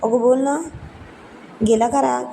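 A woman's voice: sits high, steady tone, unhurried, vocal fry, a little hiss or hum. Coaxing young husband, read by a woman. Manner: coaxing, pleading softly. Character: affectionate teasing young husband.

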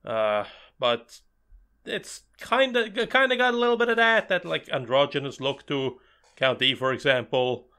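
A man's voice: mid-range voice, animated, moderate pace, pushed and bright, clean tone. A man co-hosting a podcast in casual chat, sarcastic and swearing. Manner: sarcastic, swears, mimics characters. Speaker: podcast co-host.

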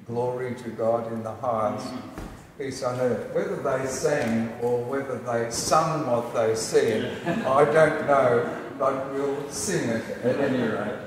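Choir conductor, slow directions, distant echoey hall, loud music. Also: male voice, mid-range voice, fairly even intonation, slight background noise. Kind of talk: rehearsal instruction.

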